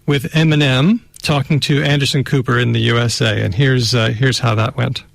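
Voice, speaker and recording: Relaxed man hosting a radio chat. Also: mid-range voice, moderate pace, creaky, no echo. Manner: relaxed, chatty, many "uh" fillers, reads items aloud. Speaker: radio show host.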